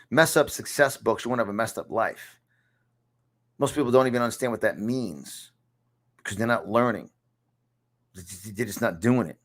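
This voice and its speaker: Speaking on the low side with a fairly bright tone, a man in his fifties with a New York accent teaches a lesson on success straight to camera. He works from a small home studio as a motivational coach, emphatic and prone to repeating lines for impact.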